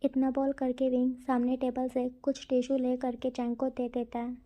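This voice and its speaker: A woman's voice: sits high, completely flat delivery, normal speed, dark tone. A woman narrating a story in a casual, chatty way, talking straight to her listeners. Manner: chatty, addresses the listeners directly.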